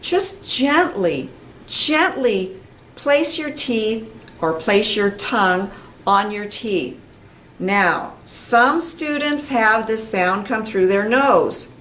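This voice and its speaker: Medium-pitched, expressive and fairly bright, a middle-aged American woman teaches English pronunciation to camera, emphatically and deliberately enunciating sounds and words. The lesson takes place indoors in a small whiteboard classroom, recorded on a faraway camera mic with a roomy sound and faint noise.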